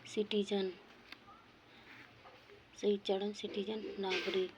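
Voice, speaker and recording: A woman's voice: mid-range voice, little pitch movement, takes it slowly, a little hiss or hum. A woman teaching English pronunciation, drilling words one by one, repeating each and giving its meaning. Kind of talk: spoken lesson on pronunciation.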